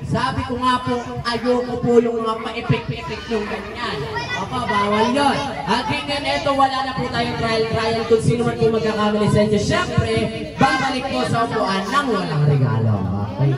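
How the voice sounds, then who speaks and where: A woman hosting a birthday party game, playfully calling out loud commands to the players. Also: fairly high pitch, normal speed. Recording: echoey room, far from the mic. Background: noisy crowd of guests.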